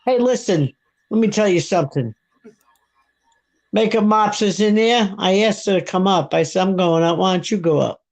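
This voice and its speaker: On a live stream, a Brooklyn-accented woman in her seventies, a New York native, talks casually in a mid-range, darkish voice at a moderate pace. She comes across blunt and heated, and she repeats herself.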